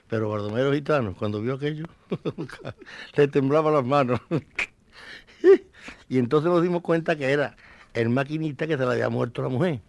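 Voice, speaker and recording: Gravelly older storyteller. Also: male voice, mid-range voice. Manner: lively storytelling, acting out voices. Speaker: flamenco singer. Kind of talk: telling an old anecdote.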